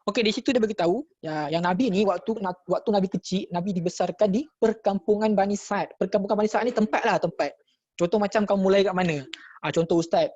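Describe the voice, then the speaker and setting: A man's voice: sits high, fast, a little mellow, no room sound. A man with a Malaysian Malay accent teaches children over a video call. He goes over each point patiently, repeats it, and quizzes the class as he goes. The sound is dull, lo-fi and dry. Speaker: religious teacher. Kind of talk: online class lesson for children. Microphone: computer or phone mic on a video call.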